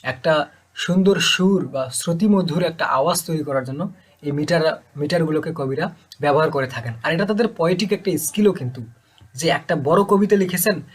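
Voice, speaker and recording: A man's voice: fairly high pitch, husky. A man teaching poetic meter, explaining patiently and repeating key points for his students. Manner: patient, repetitive explaining, addresses students informally. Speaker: literature teacher.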